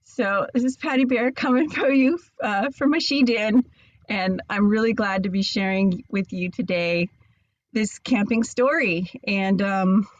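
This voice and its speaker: A woman's voice: medium pitch, no echo. Nervous woman on a dull video call. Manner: nervous, halting, many fillers. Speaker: guest speaker. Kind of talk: casual presentation over video call. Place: inside an old camper van.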